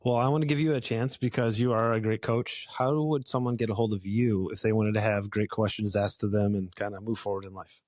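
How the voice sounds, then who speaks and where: A man's voice: fairly low pitch, steady tone, brisk, few pauses, a little mellow, no echo, clean studio sound. A man hosting a podcast, chatting casually in an easygoing way with lots of fillers and restarts. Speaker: podcast host. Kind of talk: casual conversation.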